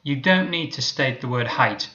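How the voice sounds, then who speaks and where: A man teaching an English lesson, explaining patiently and modelling example sentences slowly. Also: medium pitch, expressive, bright, forceful tone, muffled recording.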